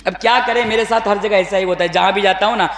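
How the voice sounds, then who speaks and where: A young man preaching a fervent sermon to a large gathering, his voice pitched very high and bright. It rings out through a loudspeaker system with long, echoing reverb. He calls out again and again to the young men in the crowd. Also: fairly even intonation, fast. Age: young adult. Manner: impassioned, chanting calls to the youth. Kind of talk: late-night sermon at a religious gathering. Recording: echoey PA sound with long reverb.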